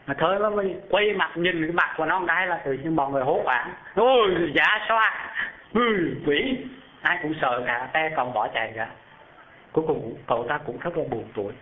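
A man preaches to a live audience, telling a Buddhist story in an animated way, frequently questioning his listeners and raising his voice high when he describes things. The sound is tinny, as if from a phone.

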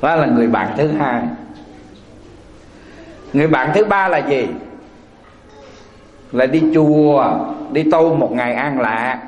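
Monk preaching in a hall. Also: male voice, mid-range voice, lively intonation, measured pace, long pauses, muffled recording. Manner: rhetorical questions, asking the audience back. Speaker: Buddhist monk. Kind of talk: sermon with folksy storytelling. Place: temple hall. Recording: echoey hall.

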